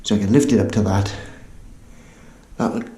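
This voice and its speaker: A man's voice: lowish voice, steady tone, normal speed, dark tone. Chatty man fitting a door in an echoey room. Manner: chatty, self-deprecating, apologetic asides. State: slightly out of breath. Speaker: DIY renovation vlogger. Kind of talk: casual talk while working on camera. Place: small room indoors. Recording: echoey room with faint noise.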